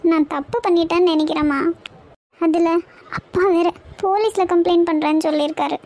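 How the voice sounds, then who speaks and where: A pleading, remorseful young daughter. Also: female voice, extremely high pitch, fairly even intonation, a little fast, a little mellow. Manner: pleading, apologetic.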